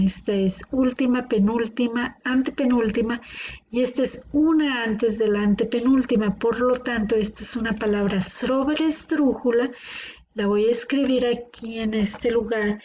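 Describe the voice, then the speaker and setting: A woman with a slightly mellow voice on the high side explains grammar to a class. Patiently, she pronounces each word one syllable at a time. Faint noise runs through the dull, lo-fi audio.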